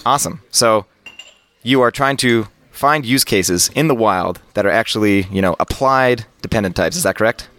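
Brief: male podcast host, low-pitched, upbeat live conference interviewer who stumbles over repeated words. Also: normal speed, bright, forceful tone. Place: busy conference venue.

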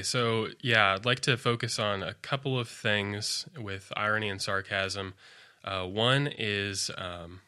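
A man explaining as a guest scholar in an interview, thoughtful and measured, with frequent fillers and restarts. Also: fairly low pitch, bright, forceful tone.

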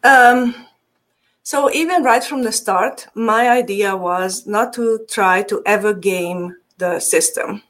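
A marketing guest from Transylvania, Hungarian-accented, chats casually in an interview, laughing easily amid many fillers and restarts. She speaks slowly at medium pitch, with a slightly bright tone.

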